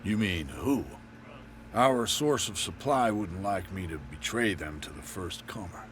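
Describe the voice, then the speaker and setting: An actor playing a wary, secretive island barkeeper in a video game. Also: male voice, sits low, lively intonation, a little slow, slight background noise. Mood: secretive, ominous. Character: guarded, world-weary male island barkeeper.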